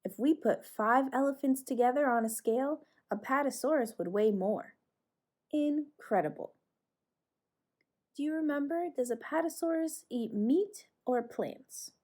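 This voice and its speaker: A woman leading a lesson for young children in a broad, singsong presenter delivery, asking questions and pausing for answers. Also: on the high side, darkish tone. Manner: asks questions and pauses for answers. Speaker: children's teacher leading a circle time.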